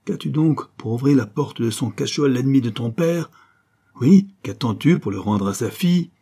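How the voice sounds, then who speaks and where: A man's voice: on the low side, moderate pace, darkish tone, husky. A man putting on a stern vengeful noblewoman. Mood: bitter. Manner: stern, commanding, reproachful. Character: embittered vengeful Corsican noblewoman, a mother. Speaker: audiobook reader. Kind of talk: dramatic audiobook reading.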